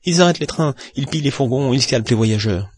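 A man reading an excitable English gentleman gambler in an audiobook, in an insistent, heated manner. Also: mid-range voice, brisk, gravelly, husky.

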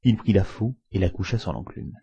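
Low-voiced man, dark husky tone, storytelling narration, muffled lo-fi recording. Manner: measured, expressive reading. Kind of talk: storytelling read aloud.

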